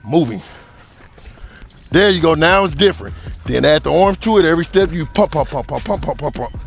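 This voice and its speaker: A man's voice: on the high side, lively intonation, brisk, vocal fry, breathy edge, soft background music. A man in his fifties who coaches athletes, calling out footwork drills and counting beats in an upbeat, instructive way. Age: 50s. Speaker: speed coach.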